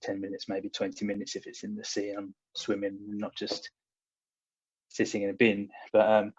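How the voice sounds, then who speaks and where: A husky, lowish voice speaks in a monotone at a moderate pace. It belongs to a young personal trainer on a podcast, hesitantly telling casual stories with many fillers and restarts, recorded in dull lo-fi audio.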